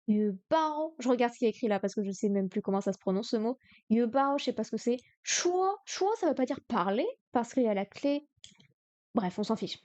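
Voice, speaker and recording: Woman streamer, mellow and dry-sounding, talks through a lesson hesitantly, full of fillers. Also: fairly high pitch, dry recording. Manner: thinks aloud, hesitant, many fillers. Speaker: streamer learning Chinese. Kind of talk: live-streamed study session.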